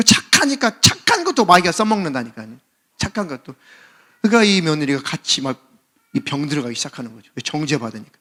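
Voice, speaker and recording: A man's voice: fairly high pitch, bright, forceful tone. A man preaching as senior pastor, telling a story animatedly and acting out its characters. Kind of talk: sermon.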